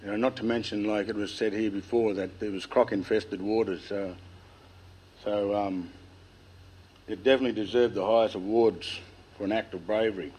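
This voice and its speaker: A man with an Australian accent and a lisp tells family history informally to listeners, nervous and halting, with a dry mouth. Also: lowish voice, steady tone, a little mellow, husky, low-quality recording. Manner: nervous, halting delivery with long pauses. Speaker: speaker telling family history. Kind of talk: informal public speech, oral storytelling.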